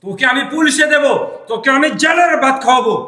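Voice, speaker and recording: A man acting an indignant man in a short film who claims to be the husband, making loud declamatory threats. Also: extremely high pitch, quick pace. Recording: echoey room.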